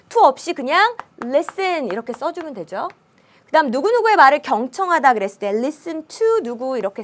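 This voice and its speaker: A woman English teacher lecturing on grammar in a high, bright voice. Her pitch jumps around a lot as she throws rhetorical questions at her students and answers them herself. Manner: lively, asks rhetorical questions.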